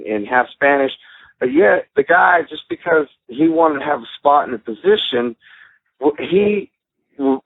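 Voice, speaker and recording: A man's voice: medium pitch, no room sound. Blunt, cussing man on a phone line. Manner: blunt, swears freely, acts out others' lines. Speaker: guest, former pro wrestler. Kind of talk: casual storytelling. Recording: dry phone-line call.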